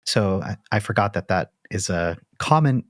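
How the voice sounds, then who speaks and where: A man's voice: lowish voice, expressive, moderate pace, no echo, clean studio sound. A man hosting a podcast, giving a scripted introduction and then asking interview questions in an upbeat, friendly way. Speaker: podcast host.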